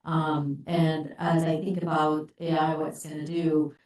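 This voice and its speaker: A woman's voice: low-pitched, little pitch movement, a little slow, a little mellow. A middle-aged woman professor speaking on a panel, candid and conversational. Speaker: professor of obstetrics. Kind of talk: panel introduction. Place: conference hall. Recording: echoey conference hall.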